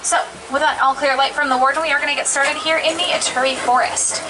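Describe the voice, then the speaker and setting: A woman's voice: steady tone, fast talker. A woman working as a safari guide, giving upbeat, friendly live commentary to passengers from an open truck. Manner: upbeat, friendly, addressing the group directly. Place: open-sided safari truck outdoors, moving. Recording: noisy open vehicle, engine and outdoor rumble.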